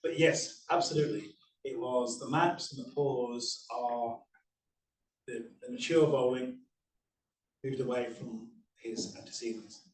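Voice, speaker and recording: Heard far off on poor audio, a man from the artist's studio addresses an art panel in a steady, medium-pitched voice at a measured pace. He hesitates a lot, frequently restarting and saying um.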